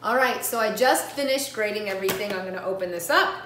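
A woman's voice: mid-range voice, fast, fairly bright tone, distant mic. Woman in her thirties, chatty cooking demo, home kitchen, roomy echo, voice a bit off-mic. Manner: chatty, instructive, talks while working. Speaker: guest chef. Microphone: camera across the kitchen. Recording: echoey kitchen, voice from off-mic, faint noise.

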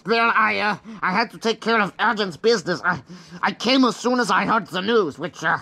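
A man's voice: high voice, a little fast, vocal fry, bright, forceful tone, heavily acted. A man voicing a flustered older pig scientist who stammers nervously while explaining. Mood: anxious.

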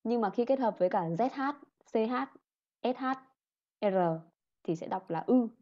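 A woman's voice: fairly high pitch, animated, normal speed, highs cut off. A woman teaching an online pronunciation class, patiently repeating sounds and correcting her students.

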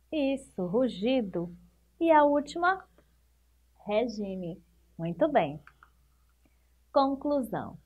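A Brazilian teacher speaks to young children at a deliberately slow pace. Her voice sits a little high, and she draws out each example word patiently and with encouragement. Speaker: primary school teacher.

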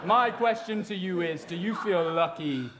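A man's voice: sits high, moderate pace, lightly acted. A man playing a suave, cocky gingerbread action hero in a spoof stage pantomime. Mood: heroic swagger. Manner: suave, swaggering one-liners. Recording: theatre recording with audience noise.

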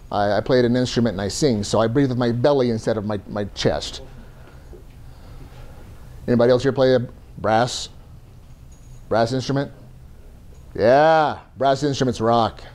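A man's voice: medium pitch, a little mellow. A man teaching a first aid class to a room, conversational and joking as he explains. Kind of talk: classroom lecture.

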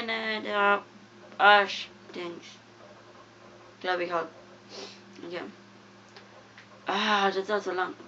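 A young woman gives loose, giggly commentary while she plays, drifting from low mutters to sudden squeals. Her voice sits at a middling pitch. The recording sounds dull and lo-fi, with faint noise underneath. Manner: excitable, giggly, swings from mumbling to loud yelps. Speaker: gamer. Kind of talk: casual game commentary.

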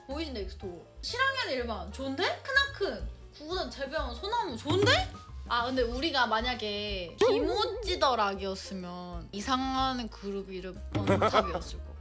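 Young woman streamer, high and animated, chatty and teasing, over background music. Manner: chatty, quick exclamations and teasing. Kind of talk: casual reaction chat.

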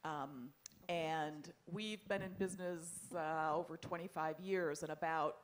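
Woman, panelist, low voice, measured business talk. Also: fairly even intonation, slight background noise. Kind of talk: panel discussion.

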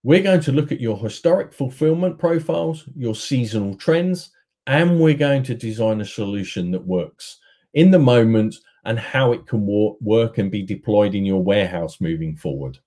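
A middle-aged man giving a steady, rehearsed sales presentation at an online conference, talking to his webcam from an indoor room. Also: fairly low pitch, normal speed. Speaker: business development manager.

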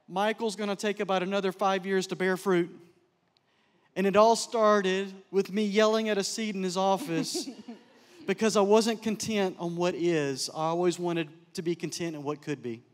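A middle-aged man telling stories in a chapel talk, animated and joking with the audience. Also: sits high. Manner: animated storyteller, jokes and laughs with the crowd. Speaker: speaker, counselor. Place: large chapel. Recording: long hall reverb.

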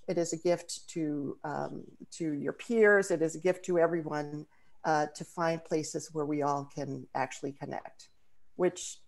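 The host of this video call event is a Dominican woman whose first language is Spanish; she speaks thoughtfully, with plenty of fillers and restarts. Her voice is lowish and a little mellow.

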